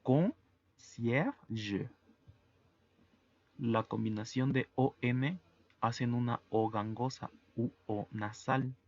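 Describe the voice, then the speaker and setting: A man teaching French to Spanish speakers, explaining pronunciation slowly and methodically, letter by letter. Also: medium pitch, steady tone, no echo, lo-fi sound. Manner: slow, methodical, spells out sounds letter by letter. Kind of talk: online language lesson.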